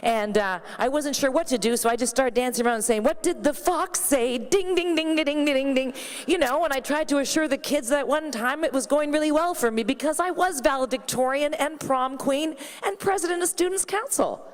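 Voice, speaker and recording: A Canadian woman doing a brash, quick-fire stand-up comedy set on an arena stage, always tossing in "right?". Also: high voice. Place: large arena stage before a packed audience.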